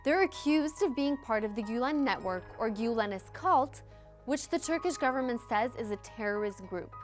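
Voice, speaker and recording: A woman reading a scripted news report as a narrator, in deliberate, neatly segmented phrases. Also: fairly high pitch, lively intonation. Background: background music.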